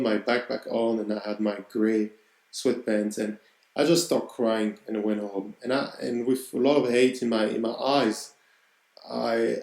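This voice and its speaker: A man's voice: mid-range voice, creaky, a little mellow, roomy sound, rough recording. Earnest man with a French accent. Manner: earnest, reflective. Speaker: podcast host. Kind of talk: personal storytelling monologue.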